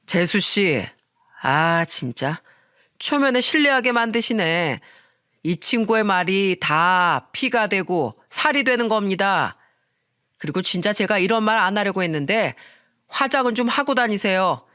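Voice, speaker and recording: A woman's voice: medium pitch, lively intonation, measured pace, pushed and bright, no echo. Brief: woman playing a tipsy, sneering man in a storybook radio tale, dry close sound. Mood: mocking drunk. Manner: slurred, mocking, laughing drunk. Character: drunk rude man, husband's friend, mocking.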